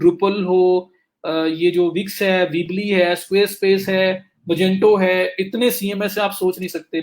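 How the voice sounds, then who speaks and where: Fast-talking man teaching a screen-share lesson. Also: on the high side. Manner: talks students through clicks step by step, addresses them directly; says he is talking fast to cover more. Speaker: digital marketing instructor. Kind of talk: live screen-share lecture.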